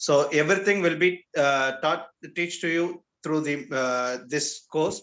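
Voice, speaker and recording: A man with an Indian Tamil accent coordinating a meeting, relaying questions and announcements in halting, mixed-language phrasing. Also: a little high, a bit bright.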